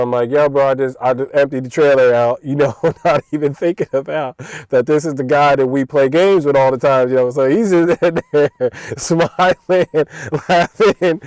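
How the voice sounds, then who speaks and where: A young man telling a story from his job in a casual, slangy way, laughing as he talks and getting loud as he acts out the scenes. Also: fairly high pitch, clear, resonant tone, no room sound, low-quality recording. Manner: animated, slangy, laughs while telling, loud when retelling. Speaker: vlogger.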